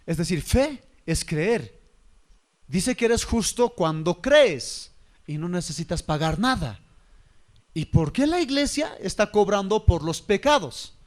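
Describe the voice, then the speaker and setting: A man's voice: high-pitched, sing-song, measured pace. A man, preaching a sermon and firing rhetorical questions at his listeners. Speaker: pastor.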